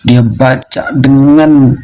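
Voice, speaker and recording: A man's voice: medium pitch, steady tone, takes it slowly, a little mellow, slight background noise, rough recording. A man telling a religious testimony story in a preaching style, repeating phrases for emphasis and addressing his listeners as friends.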